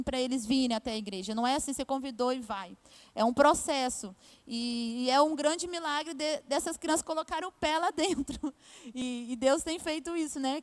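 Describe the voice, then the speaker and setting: A woman from Brazil with a Brazilian Portuguese accent, giving a church testimony as a missionary, earnest, with many tag fillers. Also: sits high.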